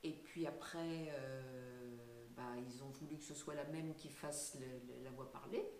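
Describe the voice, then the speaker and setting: A woman's voice: a bass voice, steady tone, measured pace, a little mellow, echoey room, slight background noise. An older woman being interviewed, talking casually and hesitantly with many fillers and light laughs. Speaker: singer and voice actress, guest.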